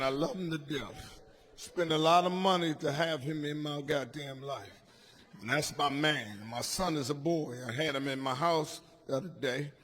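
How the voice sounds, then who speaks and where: A man from Washington, D.C., doing a stand-up comedy set on a club stage, loud, dropping low and mumbling then shouting his punchlines. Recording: live club recording with ambient noise.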